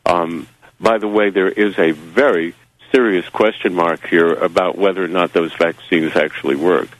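Speaking in a low voice over poor audio, a New Zealand magazine publisher guests on a radio show. His answers wander and stall, full of fillers and dry, wry remarks.

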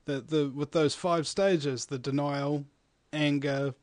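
A man's voice: fairly high pitch, fairly even intonation, takes it slowly, no room sound, studio quality. Man. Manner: slangy, matey. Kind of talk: casual conversation.

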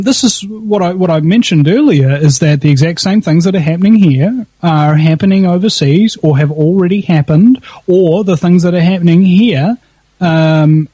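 A man's voice: fairly high pitch, dark tone, slightly rough, no echo. A man with a broad New Zealand accent chatting casually about politics in a sardonic, anecdotal way. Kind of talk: animated casual political chat.

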